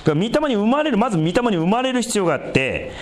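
A man preaching a sermon in an animated way, with chuckles along the way. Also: fast talker. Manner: animated preaching with big pitch swings and light laughter. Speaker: pastor.

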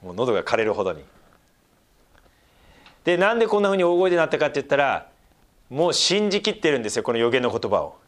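A male pastor gives a sermon in a church, alternating steady scripture reading with lively, animated commentary. His pitch swings widely as he gets excited, and he speaks at a middle pitch. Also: quick pace, pauses often. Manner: animated, shifts between reading and lively asides.

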